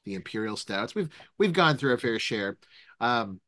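A man co-hosts a casual beer-review podcast, chatting about the beers in an animated, joking way and laughing a lot. His voice is mid-range, his pace moderate, and the recording is dry.

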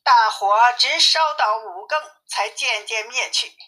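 A woman reading a classic tale aloud as a storyteller, in a lively, clear way. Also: on the high side, slow. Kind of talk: children's story narration. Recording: tinny phone-like sound.

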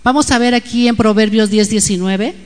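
A woman's voice: a little high, steady tone, normal speed, big-room sound. A woman with a Mexican accent giving an informal, confiding devotional talk to women, often checking in with "¿no?". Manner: chatty, confiding, frequent tag questions. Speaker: women's Bible teacher.

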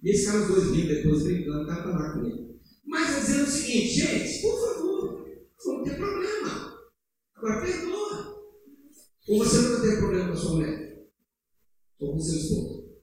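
A male pastor preaching a sermon in a church, swinging between loud urging and quiet asides. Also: high voice, big pitch swings, brisk, far from the mic, a little hiss or hum. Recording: echoey church hall, heard from afar.

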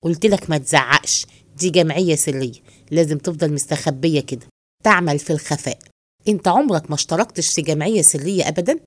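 A woman with an Egyptian accent voicing a scheming, henpecked middle-aged man who plots in hushed tones. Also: lively intonation, racing, few pauses, husky, no echo. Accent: Egyptian Arabic. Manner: low hushed plotting tone.

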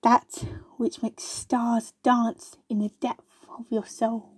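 A woman's voice: on the high side, little pitch movement, takes it slowly, a little mellow, slightly rough, no echo, studio quality, exaggerated voice. A woman voicing a small, thoughtful female bumble wasp in a storybook reading, speaking hesitantly and dreamily, sometimes stammering. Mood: dreamy.

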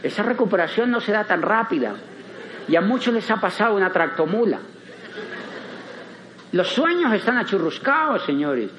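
A man's voice: sits high, big pitch swings, moderate pace, long pauses, fairly bright tone, a little hiss or hum. A man giving a motivational business talk, theatrical, acting out little dialogues and repeating phrases for emphasis. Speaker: motivational speaker.

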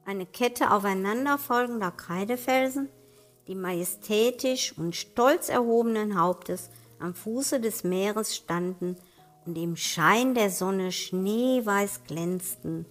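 A woman author reading her own novel aloud in a measured, even way. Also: medium pitch, soft background music. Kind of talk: audiobook reading.

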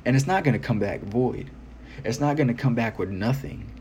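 A man's voice: mid-range voice, lively intonation, normal speed, darkish tone. A man giving an informal, earnest, exhorting sermon to listeners, repeating phrases for emphasis. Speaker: preacher. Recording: noticeable background noise.

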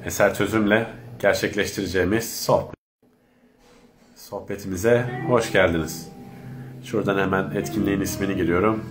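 A man's voice: deep voice, steady tone, normal speed, music in the background. Stuffy-nosed man hosting a casual live chat. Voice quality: congested, stuffy nose. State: stuffy, runny nose from allergy. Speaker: host of an online live chat.

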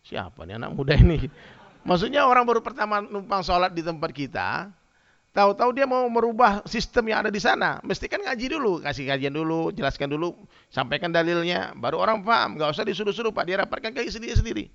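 Gravelly man preaching with humor. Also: high-pitched, fast. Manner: lively storytelling, addresses listeners directly. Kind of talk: humorous sermon with anecdotes. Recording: dull lo-fi sound.

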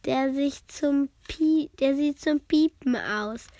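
A woman's voice: high-pitched, takes it slowly, darkish tone, no echo. A woman voicing a friendly, curious schoolboy in a children's story read aloud, talking in a chatty way.

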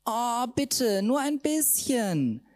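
A man's voice: very high-pitched, very animated, very slow, darkish tone, dry recording, voice pushed up, heavily acted. A man voicing a boisterous, tipsy female drag queen friend, squealing and cheeky. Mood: wheedling.

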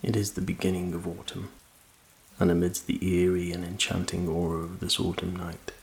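Male sleep story narrator: deep and flat-toned, hushed, unhurried, calming, rain in the background. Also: vocal fry, low-quality recording. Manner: slow, calm, hushed, relaxing delivery. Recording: faint noise under rain ambience. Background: rain ambience.

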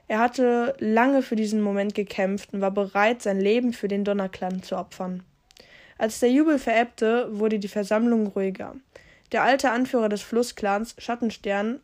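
A woman's voice: medium pitch, fairly even intonation, unhurried, a little mellow. A woman reading a story aloud in a casual, unpolished way. She trips over words and corrects herself as she goes, and stops now and then to comment. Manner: reads with slips and self-corrections. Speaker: podcast host reading a story.

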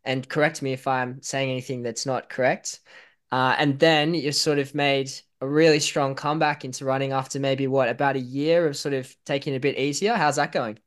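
A man's voice: mid-range voice, steady tone, a little fast, clean tone. A man hosting a podcast in a casual, chatty style. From outside Northern Ireland. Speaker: podcast host. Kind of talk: casual chat.

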